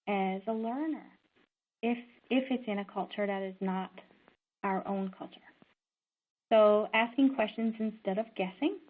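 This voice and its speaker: A middle-aged woman from Newfoundland and Labrador, a social worker giving an instructional talk in an earnest, conversational way, often pausing on "um". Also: medium pitch. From Newfoundland and Labrador, Canada. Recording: narrow, tinny phone-like sound.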